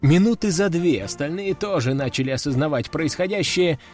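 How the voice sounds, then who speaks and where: A man's voice: on the high side, fairly quick, a little mellow, soft background music. A man narrating a first-person audiobook in a wry, ironic tone.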